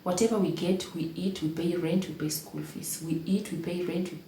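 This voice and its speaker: A young Kenyan woman recounts a hard stretch of her life in a low, mellow voice, stressing points by saying them again and again. She sounds a little away from the mic, in an echoey room with a faint hum behind her. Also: steady tone, moderate pace, recorded from a distance. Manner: emotional, code-switches into Swahili, repeats phrases for emphasis. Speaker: vlogger telling her life story. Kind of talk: casual storytelling to camera.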